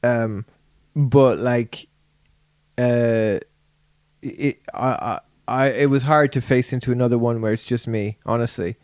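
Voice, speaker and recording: A man hosting a casual podcast, his voice sitting in a middle pitch. He talks hesitantly, stumbling and restarting his phrases, in a dry, close room. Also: a little slow, a little mellow, dry recording. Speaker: podcast host. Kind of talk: casual chat.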